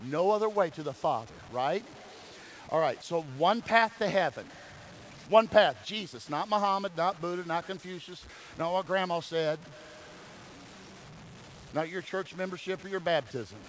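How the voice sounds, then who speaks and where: A man's voice: high voice, moderate pace, slight background noise, low-quality recording. A man preaching a sermon as a pastor, exhorting his congregation with repeated key phrases and calls for amens. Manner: swings from quiet talk to loud emphatic cries. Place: church sanctuary during a service.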